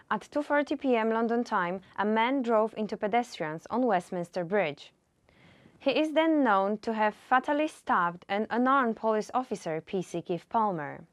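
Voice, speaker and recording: A woman's voice: medium pitch, dry recording. A young woman reporter reading a scripted news report in a careful, read-aloud manner. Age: young adult.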